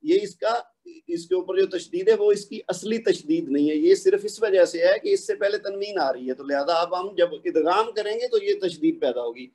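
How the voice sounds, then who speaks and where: Patient Pakistani male tutor, fairly high and mellow, explains and then slowly recites examples for students to repeat. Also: lively intonation. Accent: Pakistani Urdu. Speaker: Quran recitation teacher. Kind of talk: online tajweed lesson.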